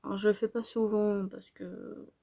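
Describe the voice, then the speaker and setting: A woman narrating a makeup tutorial in a soft, hesitant way, often dropping to a whisper. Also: medium pitch, level tone, normal speed, gravelly. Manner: hesitant, many fillers. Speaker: makeup vlogger.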